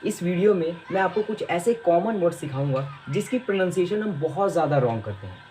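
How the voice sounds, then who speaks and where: A man teaching English pronunciation in Hindi, explaining each word patiently and repeating it slowly. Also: sits high, lively intonation, dark tone, a little hiss or hum. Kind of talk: explaining lesson to camera.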